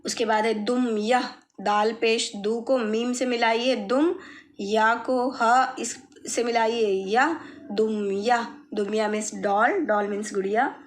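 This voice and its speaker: A woman teaching children Arabic words, patiently explaining and repeating each word slowly. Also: a little high, fairly even intonation. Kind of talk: slow explanatory lesson.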